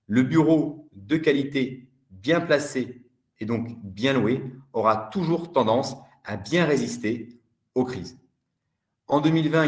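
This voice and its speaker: A man giving a steady, measured explanatory webinar presentation as a fund department director. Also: medium pitch, roomy sound.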